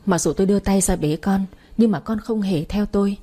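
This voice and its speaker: A woman's voice: mid-range voice, brisk, warm tone. A woman narrating a first-person audiobook in a grieving, emotional way.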